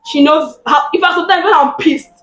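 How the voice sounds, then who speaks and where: High-voiced Nigerian woman, chatty. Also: brisk, reverberant. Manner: lively, chatty, laughs often. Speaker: guest business owner. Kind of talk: casual interview chat.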